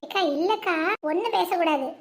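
A performer voicing a generous, bossy village elder sister who scolds and cares in the same breath. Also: female voice, very high-pitched, a little fast, heavy background noise. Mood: firm. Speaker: lead sister running a home business.

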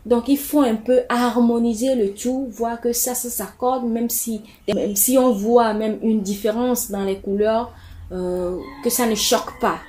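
Her voice is somewhat high yet darkish, steady and a little slow as a woman gives viewers home decorating tips. The advice is chatty and repetitive, full of fillers, restarts and repeated words.

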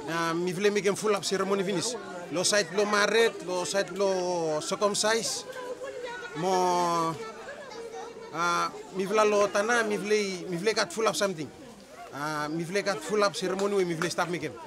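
A high-pitched man's voice with a ni-Vanuatu accent speaks Melanesian pidgin off the cuff. He searches for words as he goes, recorded outdoors with a crowd clearly behind him. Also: steady tone, moderate pace. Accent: ni-Vanuatu Bislama, Melanesian pidgin similar to Solomon Islands Pidgin. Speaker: interviewee. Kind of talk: unscripted talk to camera in Melanesian pidgin. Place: outdoors in a village ceremony ground. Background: crowd at a ceremony.

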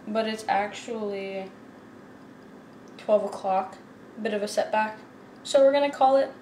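A young woman in her twenties, a fitness vlogger, chats casually to her phone camera at home, talkative and slightly self-conscious. Her voice is mid-range, with background noise, recorded on a handheld phone held at arm's length as she moves through home rooms, a gym room and a parked car.

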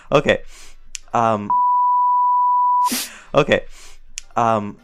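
With a low-pitched voice and vocal fry, this channel creator and voice actor chats his way through fan questions in a loose, rambling Q&A. His talk is playful and full of slang, he cuts himself off a lot and giggles often, and there's music in the background.

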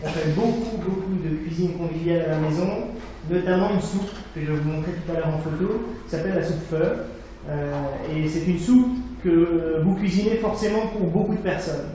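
A man's voice: a little high, normal speed, dark tone. A man in his thirties gives a live startup demo on stage, conversational, with many fillers and frequent "d'accord?" check-ins. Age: 30s. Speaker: startup founder presenting a demo. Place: university event hall, on stage. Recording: echoey hall, somewhat far from the mic, faint room noise.

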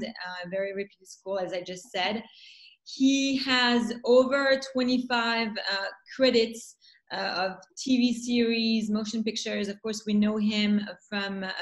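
A woman with a French accent, a festival founder introducing guests on a video call, talking with many pauses and fillers. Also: medium pitch, low-quality recording. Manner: hesitant, many fillers, warm welcoming. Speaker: festival founder hosting a panel.

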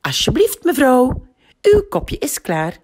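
A woman doing an excited little girl. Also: slow, slightly rough, full character voice. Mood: playful. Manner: high-pitched, calling out eagerly.

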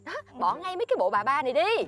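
A bossy, boastful flirt. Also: female voice, high-pitched, very animated, rapid-fire, fairly bright tone. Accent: Southern Vietnamese. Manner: bossy, showy, lectures her friend. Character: boastful scheming woman friend, flirty. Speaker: actress in a comedy sketch.

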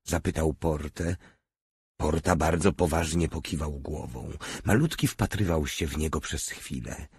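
A man narrating an audiobook in a steady storytelling manner. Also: a bass voice, a little slow, slightly rough, dry recording.

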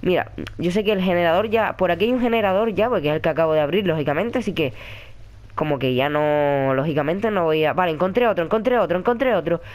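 A man with a Spain Spanish accent, commentating a horror game and chatting with viewers in a jumpy, excitable way. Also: high voice, fast. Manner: jumpy, excitable, yelps and shrieks when startled; chatty, talks to viewers and a friend in the room. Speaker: gaming commentator. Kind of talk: horror let's-play commentary.

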